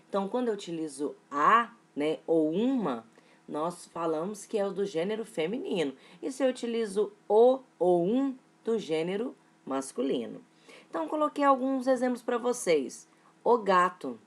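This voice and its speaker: A young adult woman with a Brazilian Portuguese accent, giving a recorded lesson to children, explaining patiently and spelling out examples. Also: medium pitch. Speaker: teacher.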